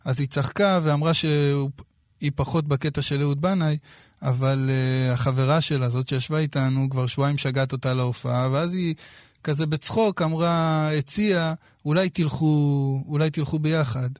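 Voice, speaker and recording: Animated storytelling man, dry close sound. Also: fairly high pitch, no room sound. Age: 30s. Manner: animated, lively anecdotes with quoted dialogue. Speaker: guest telling a personal story. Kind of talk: casual storytelling.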